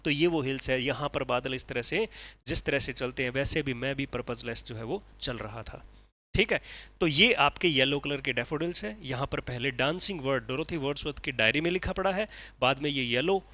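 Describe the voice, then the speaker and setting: A male teacher giving an energetic exam-prep literature lecture, explaining point by point and checking in often with his class. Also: mid-range voice, a little fast. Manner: energetic, explaining, frequent "ठीक है".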